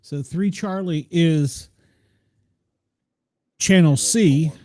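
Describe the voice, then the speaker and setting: A man's voice: a little high, very slow, a little mellow, a little hiss or hum. A man giving casual explanatory commentary, breaking things down in short phrases. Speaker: commentator explaining scanner traffic.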